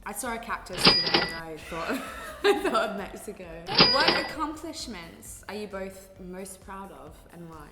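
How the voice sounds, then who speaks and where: A woman bantering casually as a vlog guest, blunt, joking and quick to swear. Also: mid-range voice, sing-song. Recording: echoey reverberant room, loud music underneath.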